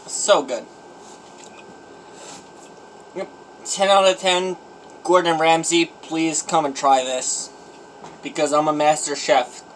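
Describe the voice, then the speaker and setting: A man's voice: fairly high pitch, flat delivery, a little slow, a bit bright, slight background noise, poor audio. A man filming an eating challenge vlog at home on a phone, groaning and complaining in an exaggerated, self-pitying way as he eats. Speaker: vlogger.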